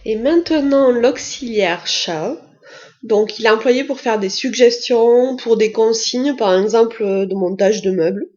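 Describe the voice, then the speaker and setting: A woman's voice: on the high side, unhurried, a little mellow, echoey room, lo-fi sound. A French-speaking woman teaching an English lesson, explaining step by step with frequent hesitations and fillers. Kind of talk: language lesson narration.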